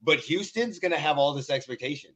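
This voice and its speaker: A man's voice: fairly high pitch, expressive, brisk, a bit bright. A man talking sports on a casual podcast, assertive and repeating his points.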